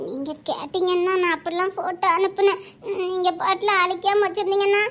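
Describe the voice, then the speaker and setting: A woman's voice: very high-pitched, fairly even intonation, a little fast, fairly bright tone. A young woman with a Tirunelveli Tamil accent playing a naive, frightened girl who pleads in a teary, hesitant voice. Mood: tearful. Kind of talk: web drama acting.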